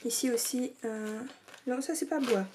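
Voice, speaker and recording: A woman's voice: a little high, moderate pace, mellow. Woman, casual craft vlog, hesitant with fillers, drifts into near-whispers, faint hiss and clicks behind. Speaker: scrapbooking vlogger. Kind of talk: casual craft show-and-tell. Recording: faint background noise and clicks.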